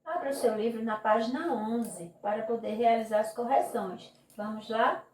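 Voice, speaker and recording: In this recorded remote lesson, a woman who teaches primary school speaks with a Brazilian Portuguese accent, a slightly high, slightly mellow voice, and a faint hiss or hum in the audio. She explains slowly and patiently in a drawn-out classroom style, checking in with frequent "ok?"s. The mic is distant in an echoey room.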